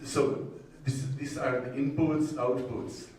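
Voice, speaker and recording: A man from the Czech Republic with a Czech accent gives a technical conference presentation in a hesitant, halting manner with frequent pauses. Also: medium pitch, level tone, a little mellow. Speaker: conference presenter, university groundwater modeler. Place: indoor presentation room with strong echo. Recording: echoey hall, distant mic, faint noise.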